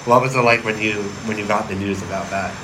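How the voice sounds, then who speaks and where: A man hosting an interview, asking relaxed questions and joking lightly. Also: lowish voice, fast talker. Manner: relaxed, easygoing, jokes lightly. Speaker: interviewer host. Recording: heavy background hiss.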